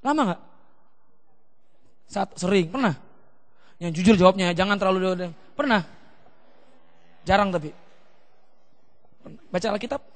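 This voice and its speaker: A man pastor preaching a seminar sermon in a lively way, acting out children and parents in quick little voices. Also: high voice, long reverb tail.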